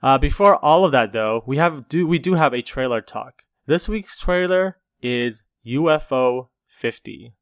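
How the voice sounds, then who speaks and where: A man hosting a casual podcast with his twin brother, giving brisk, upbeat introductions. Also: medium pitch, lively intonation. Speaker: podcast host.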